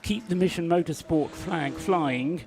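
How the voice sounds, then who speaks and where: A man's voice: on the high side, unhurried, gravelly, darkish tone, soft background music. A man commentating on a live race broadcast and interviewing guests, chatty and full of hesitant fillers.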